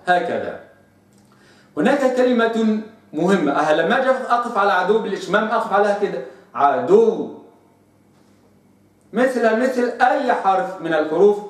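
A man teaching Quran recitation rules, slowly sounding out each example word. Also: on the high side. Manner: slow demonstrative pronunciation of examples. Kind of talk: tajweed lesson with recited examples. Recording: very echoey room, mic at a distance.

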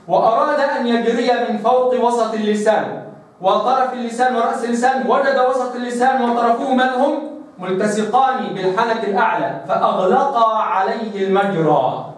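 A man teaching the pronunciation of Arabic letters for Quran recitation, explaining step by step and slowly demonstrating the sounds. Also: very high voice, recorded from a distance. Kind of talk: tajweed phonetics lesson. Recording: echoey room, voice somewhat off-mic.

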